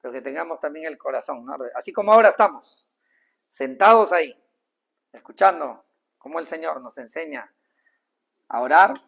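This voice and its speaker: Male pastor, sermon delivery, gravelly and earnest with big swings in volume. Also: fairly high pitch, lively intonation, moderate pace, pauses often. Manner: earnest, with sudden loud rises and soft drops; acts out little dialogues in changed voices.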